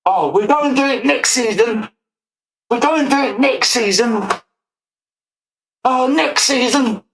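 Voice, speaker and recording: A man's voice: very high voice, a little slow, a bit bright, reverberant, rough recording. A man, ranting profanely on a livestream and laughing often. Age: 40s. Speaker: streamer. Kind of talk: livestream rant.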